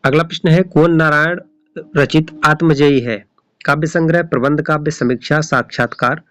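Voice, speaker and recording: A man's voice: a little high, steady tone, normal speed, a bit bright. A man tutoring for a Hindi exam, reading each question and its options aloud, then repeating the right answer.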